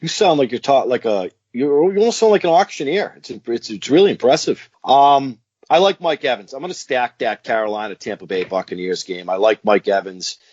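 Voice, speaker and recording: Male podcast co-host, husky, dry lo-fi sound, keen casual talker. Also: mid-range voice, animated, fairly quick, darkish tone, dry recording. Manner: enthusiastic, repeats picks with "give me". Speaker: fantasy football co-host.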